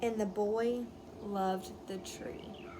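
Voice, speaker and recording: A woman teacher reads a picture book to young children outside, her mid-range voice fairly even in intonation. She instructs as she goes, explaining words simply and asking questions to make sure they understand, while birds chirp and a wind chime rings through the clearly noisy outdoor ambience.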